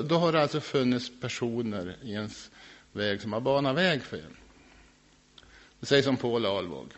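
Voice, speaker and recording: A man telling his personal faith testimony about his past drinking, earnest and reflective, now and then laughing softly. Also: on the low side. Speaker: former alcoholic sharing his faith testimony.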